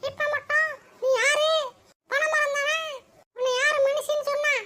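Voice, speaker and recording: A woman doing shrill quarrelling village women. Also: little pitch movement, measured pace, pushed and bright, heavily acted. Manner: scolding, high-pitched and shrill. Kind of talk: village cartoon voice acting.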